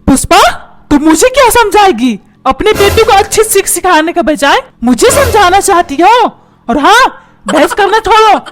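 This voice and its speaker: Cartoon dad, hot-tempered, mocking, woman voicing him, squeaky high, lively. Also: slight background noise, exaggerated voice. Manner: scolding, shouting orders, repeats words mockingly. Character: short-tempered stingy middle-aged father. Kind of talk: cartoon comedy voice acting.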